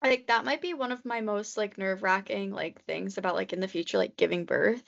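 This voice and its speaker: A creaky, medium-pitched voice belongs to a woman in her twenties co-hosting a podcast, talking a little fast on a muffled recording. Her casual chat is rambling and nervous, with "like" coming up constantly.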